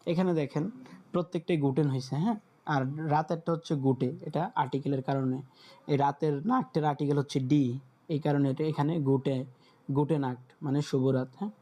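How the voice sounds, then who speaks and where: A man leads an online class over a video call, going slowly and checking that his students follow. His voice sits a little high but sounds dark and mellow. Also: steady tone. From Bangladesh. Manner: patient, repeats words and checks in with listeners. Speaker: German teacher.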